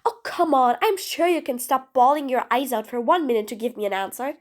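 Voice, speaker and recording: A woman's voice: high voice, a little fast, darkish tone, lightly acted. A woman playing a sarcastic, bossy supervillain. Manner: sarcastic and bossy, with taunting nicknames. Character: sarcastic, exasperated female supervillain jailer. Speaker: voice actress. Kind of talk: audio role-play drama.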